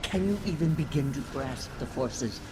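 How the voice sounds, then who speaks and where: An actor playing a calm, menacing male villain in a video game, speaking coldly and with scorn. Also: mid-range voice, normal speed, background noise, natural voice. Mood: scornful.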